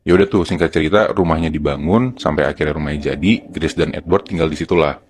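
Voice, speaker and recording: A man's voice: very deep voice, quick pace. A man with a Jakarta accent telling a horror story to friends in casual, colloquial steps. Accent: Jakarta Indonesian. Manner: colloquial, step-by-step narration. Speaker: podcast storyteller.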